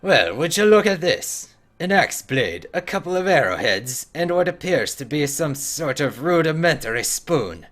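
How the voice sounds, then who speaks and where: A man's voice: mid-range voice, expressive, moderate pace, a bit bright, lightly acted. A man voicing an eager middle-aged male archaeologist in a fantasy game, marveling and lecturing. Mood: fascinated.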